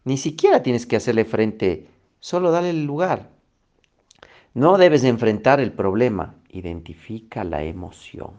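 A man's voice: medium pitch, darkish tone. A male coach giving a motivational lesson, emphatic, repeating key phrases and checking in with "ok", on a slightly dull recording. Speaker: coach, instructor. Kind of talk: motivational teaching talk.

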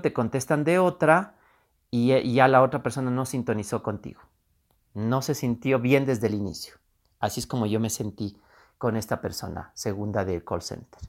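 A man giving a spoken lesson on customer service, explaining patiently and often checking in with the listener. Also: mid-range voice.

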